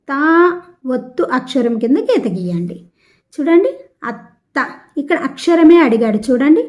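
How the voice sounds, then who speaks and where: Teaching a language lesson, a woman from India's Telugu-speaking south moves slowly through each textbook word, repeating syllables so her pupils can keep up. Her voice is a little high with a darkish tone, and her manner is deliberate as she explains the exercise.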